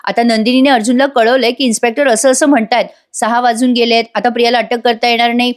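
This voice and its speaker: Marathi lady chatting thru a soap recap, kinda high voice, talks right to viewers. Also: little pitch movement, quick pace. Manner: chatty, addresses viewers directly. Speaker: TV serial reviewer. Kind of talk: voice-over episode recap.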